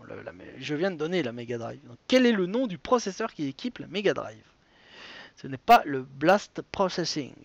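A man's voice: sits high, dry recording, lo-fi sound. A man hosting a live web quiz show, chatty and digressive, reading questions and wandering into side stories with many fillers.

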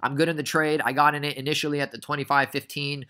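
Fast, bright-voiced young man explaining trades. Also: fairly high pitch, level tone. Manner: chatty, rambling, goes off on tangents. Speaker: trading educator. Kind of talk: casual trade recap.

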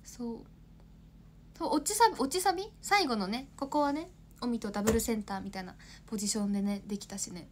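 A woman's voice: on the high side, fast talker, darkish tone, a little hiss or hum. A young woman in her twenties, an idol chatting casually on a livestream, rambling, laughing often and answering viewer comments.

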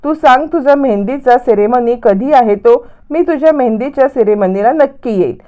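A woman's voice: fairly high pitch, normal speed, dull audio, natural voice. A woman voicing a young henna artist who answers in a plain, matter-of-fact way in a retold serial story. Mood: brisk.

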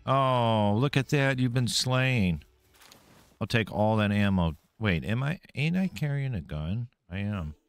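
A man's voice: fairly low pitch, animated, a little slow, clear, resonant tone, soft background music. A man streaming a game live, commenting casually, swearing freely and taunting the enemies he fights.

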